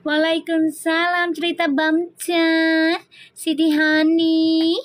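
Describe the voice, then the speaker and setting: A woman's voice: extremely high pitch, completely flat delivery, takes it slowly, no echo. A woman chatting casually on a tarot live stream, reading out viewer comments and laughing often. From Indonesia.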